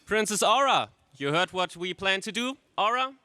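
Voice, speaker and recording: Prince Barin, an actor's bright, commanding rebel prince. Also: male voice, sits high, animated, normal speed, no room sound. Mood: stern. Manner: formal, declamatory. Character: proud, earnest rebel space prince, brave and commanding. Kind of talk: 1930s space serial radio drama acting.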